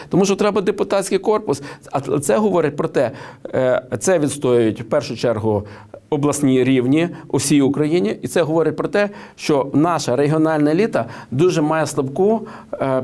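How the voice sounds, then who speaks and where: A man, speaking in a fairly high register, gives political and economic commentary in an interview. He hesitates often, restarting his sentences, and leans on anecdotes to make his points. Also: warm tone. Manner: hesitant, many fillers and restarts, tells anecdotes. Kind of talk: studio interview.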